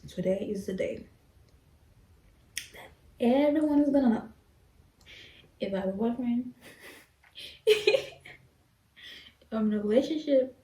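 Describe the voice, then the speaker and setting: Slow, chatty young woman vlogging. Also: fairly high pitch, lively intonation, warm tone, recorded from a distance. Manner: chatty, giggly, speaking while eating. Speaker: YouTuber. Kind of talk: casual mukbang vlog chat. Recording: roomy echo, off-mic, faint background ambience.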